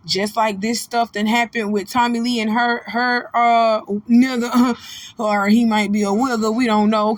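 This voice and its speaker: Sassy american lady doing gossip commentary, kinda high voice, blunt and slangy, talks right at her followers. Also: dry recording. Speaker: host of a gossip video channel.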